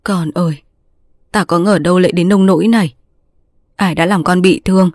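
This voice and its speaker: A woman's voice: on the low side, steady tone, moderate pace, darkish tone, no echo, natural voice. A woman voicing an old man who keeps animals in the forest, calling out in alarm and grief in a storybook reading. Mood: anguished. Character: old male forest keeper, anxious and tender.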